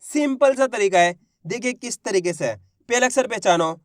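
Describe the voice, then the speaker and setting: A patient man leads a beginners' reading lesson, asking a question and then answering it himself. He sounds out each syllable slowly and draws the long vowels out. His voice is close and dry, with no room sound. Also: high-pitched, lively intonation, no room sound. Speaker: Hindi teacher.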